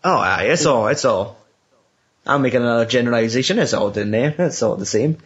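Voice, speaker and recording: A man's voice: mid-range voice, lively intonation, fairly quick, a bit bright. Sweary Scottish young man, lo-fi. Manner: sweary, rambling, laughing retelling of scenes. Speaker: podcast co-host. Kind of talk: casual film chat. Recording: dull lo-fi recording.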